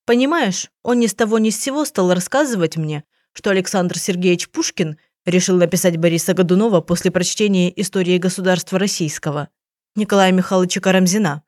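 An eccentric, theatrical aunt and writer, as a woman narrator puts her on, complaining in plaintive, dramatic tones. The voice sits fairly low and is recorded dry and close, storybook style. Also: a little fast, darkish tone, no echo, lightly acted.

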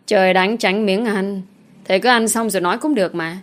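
A woman voicing a bold, sharp-tongued young village daughter in a storybook reading, blunt and cutting. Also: mid-range voice, brisk, lightly acted. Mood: firm.

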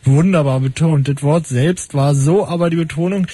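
Brisk high-voiced radio host. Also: male voice, mellow, breathy edge, no echo. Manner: brisk, wry, cutting callers short. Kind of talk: fast call-in radio show.

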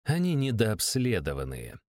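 Brief: bullying older official with a dry, low voice, read by a male narrator. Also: wildly swooping pitch, moderate pace, darkish tone, no room sound. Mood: menacing. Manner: contemptuous, menacing, bullying. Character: harsh older male secret police count.

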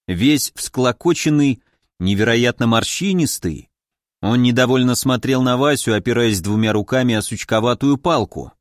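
A male audiobook narrator telling a fantasy tale with expressive, lively intonation at a middle pitch. The recording is close and dry, with no audible room. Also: moderate pace, no room sound. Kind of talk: scripted narration.

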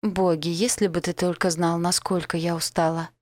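A woman's voice: fairly low pitch, little pitch movement, normal speed, darkish tone, no echo, lightly acted. A woman reading an audiobook and voicing a terminally ill young woman who pleads through tears. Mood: pleading. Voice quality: tearful, pleading. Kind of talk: audiobook character voice.

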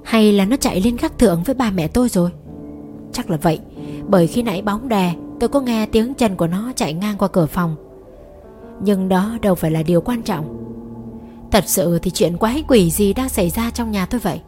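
A woman of mid pitch tells a first-person ghost story in a steady, suspenseful storytelling voice. The reading is scripted narration, with faint music playing behind her. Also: a little fast. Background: soft music.

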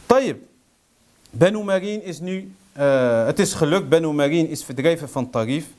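Brief: man with a high voice, lecturer, indignant storyteller, asks rhetorical questions. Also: expressive, moderate pace, a little mellow. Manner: heated, indignant; sprinkles Arabic phrases into speech. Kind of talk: history lecture.

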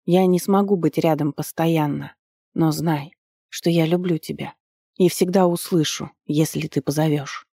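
A woman voicing a tender, loving ancient goddess mother who speaks in a soft, hushed way. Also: sits low, steady tone, a little slow, vocal fry, slightly rough, no echo, clean studio sound, heavily acted. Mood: tender, sorrowful.

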